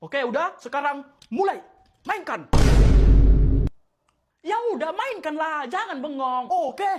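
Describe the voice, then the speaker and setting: A woman's voice: high-pitched, sing-song, slow, background noise. A woman acting out a brash, scolding classroom comedy skit. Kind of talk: comedy skit, playing several characters.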